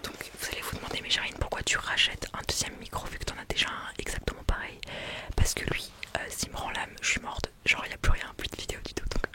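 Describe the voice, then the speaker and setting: A woman whispers in a breathy, unvoiced ASMR style into a close condenser microphone, chatting casually and gushingly as she presents an unboxing. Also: fast talker. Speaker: ASMR video creator and streamer. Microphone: close USB condenser microphone.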